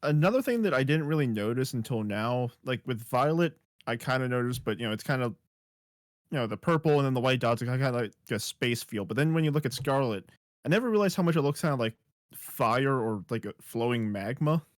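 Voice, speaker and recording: A man co-hosts a casual podcast over a computer mic on a voice call. His voice sits at a middling pitch, and the sound is dry and close. He makes easygoing, joking remarks. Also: lively intonation, fairly quick, no room sound. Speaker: podcast co-host.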